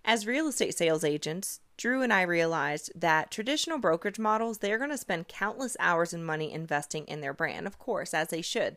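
A woman's voice: on the low side, a bit bright. A woman hosting a podcast, talking in an upbeat, persuasive, coaching way. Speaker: podcast host, realtor. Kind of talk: conversational podcast monologue.

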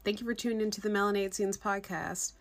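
A woman hosts a podcast in a casual, direct way. She poses questions to her guests conversationally. Her pitch sits in an ordinary middle range. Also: steady tone, quick pace. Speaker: podcast host.

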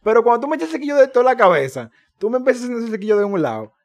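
A young man with a Dominican Spanish accent, co-hosting a podcast and telling stories in slangy, animated casual chat. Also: very high voice, racing. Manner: animated, slangy storytelling with swearing. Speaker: podcast co-host.

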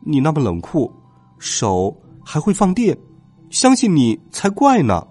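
A man voicing a young schoolboy who shouts and protests, in a storybook reading. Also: a little high, huge pitch swings, unhurried, soft background music, heavily acted. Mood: protesting. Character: worried young schoolboy in trouble.

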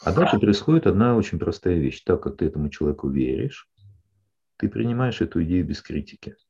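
The sound is a bit dull and lo-fi as a man with a deep, warm, husky voice counsels a client. Working as a psychologist, he explains calmly and steadily, often pausing with "да?" to see whether she's keeping up.

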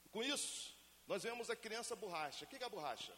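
A man from Brazil preaching a lively sermon to a congregation and asking them to answer him. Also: high voice, fast talker. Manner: acts out family scenes in everyday voices. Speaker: pastor. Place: church hall. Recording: reverberant church hall, faint hiss.

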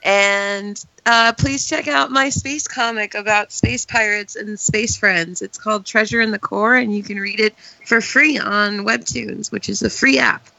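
A woman's voice: mid-range voice, a little slow, gravelly, few pauses, pushed and bright, no echo, dull audio. A woman co-hosting a podcast in casual, bubbly chat, often laughing. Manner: bubbly, giggly. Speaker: podcast co-host.

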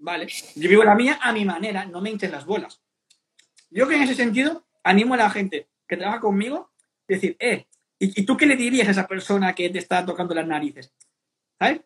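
A man's voice: high voice, animated, a little fast, a bit bright. A young man from Spain, a fitness coach talking bluntly in casual slang and acting out what other people say. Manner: blunt, slangy, often acts out quoted remarks. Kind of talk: casual podcast conversation.

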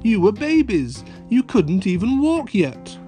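A man voicing a gentle, amused mother pig in a children's storybook, reassuring and sing-song. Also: high voice, very animated, unhurried, soft background music, voice pushed up. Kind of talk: children's cartoon storybook read-aloud.

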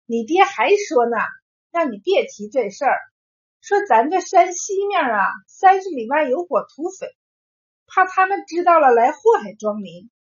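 A woman's voice: high-pitched, sing-song, moderate pace, voice pushed up. A woman voicing a fond village mother who coaxes and reassures her son in a storybook tale. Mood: coaxing. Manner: coaxing and reassuring. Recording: dull lo-fi recording.

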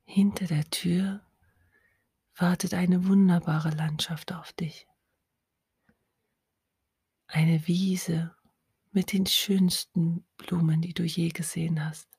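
Woman, whispered hypnosis, very slow, breathy, low, dry close mic. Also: level tone, darkish tone, no echo. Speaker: hypnosis guide. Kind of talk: whispered guided hypnosis, ASMR.

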